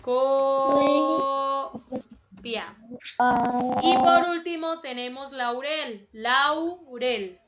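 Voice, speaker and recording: A woman teaching an online class over a video call, repeating words slowly and clearly. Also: sits high, heavy background noise. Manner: slow, repeats words syllable by syllable.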